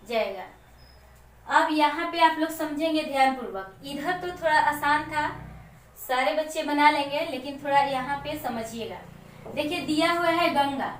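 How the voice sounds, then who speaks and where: Woman teacher going slow, high voice, kinda far from the mic, room echo. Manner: slow, patient, asks questions and answers them. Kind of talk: classroom lesson.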